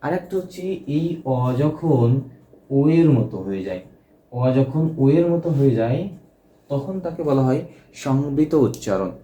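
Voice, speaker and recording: A man's voice: medium pitch, expressive, measured pace, warm tone, echoey room. A man teaching a grammar lesson, explaining step by step and checking that students follow. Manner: explanatory, repeats key points and checks with "ঠিক আছে?".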